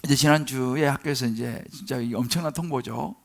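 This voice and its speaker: A middle-aged man preaching a sermon as pastor, swelling loud and high on key words and telling stories with chatty asides and tag questions. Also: fairly quick, gravelly.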